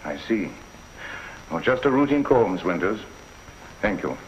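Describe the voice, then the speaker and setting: Dry, level-headed radio-play inspector on a dull, hissy old broadcast. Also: male voice, on the low side, sing-song, measured pace. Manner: cool, terse, wry. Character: calm, dry-witted male police inspector. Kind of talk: 1950s radio drama acting. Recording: dull lo-fi vintage radio recording.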